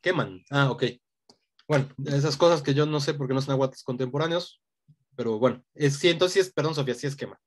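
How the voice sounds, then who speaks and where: A man's voice: medium pitch, fairly quick. A man teaching an online language lesson, explaining patiently and often checking in with a questioning tag.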